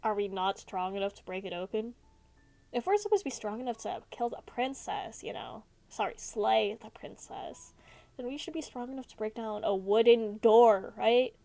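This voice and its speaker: Woman, gaming streamer, slightly high pitch, casual commentary, sarcastic, playful, reactive. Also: moderate pace, creaky, mellow, no echo. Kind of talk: casual let's-play commentary, reading choices aloud.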